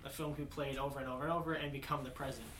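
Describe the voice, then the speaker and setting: Fast-talking man explaining an idea. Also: medium pitch, level tone, a bit bright, a little hiss or hum. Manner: quick, explanatory. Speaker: podcast co-guest. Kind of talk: casual conversation.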